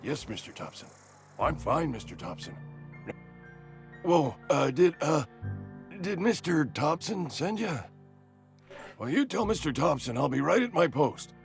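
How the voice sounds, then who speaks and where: A man's voice: fairly high pitch, big pitch swings, a little slow, gravelly, pauses often, soft background music, heavily acted. An actor playing a fretful, ailing old man in a video game, theatrically doleful and sure he is dying, with old-fashioned turns of phrase. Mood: nervous, evasive. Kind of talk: video game character dialogue.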